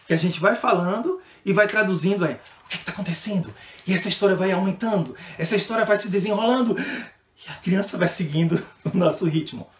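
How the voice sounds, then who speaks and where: Brazilian male instructor, somewhat high voice, casual teaching talk full of "né?", roomy echo. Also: fairly quick, slight background noise. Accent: Brazilian Portuguese. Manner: frequent tag "né?" and restarts. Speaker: storytelling instructor. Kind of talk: instructional talk on reading aloud to children.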